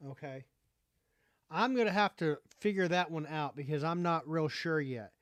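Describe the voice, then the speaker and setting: This man hosts a casual livestream chat, thinking aloud hesitantly as he figures things out. His voice sits on the high side, he talks at a normal speed, and there's no echo.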